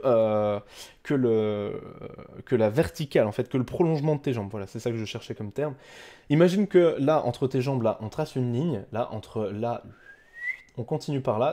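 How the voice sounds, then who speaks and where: A man's voice: medium pitch, dark tone. A man, a fitness coach explaining an exercise casually to the viewer, with many fillers and restarts.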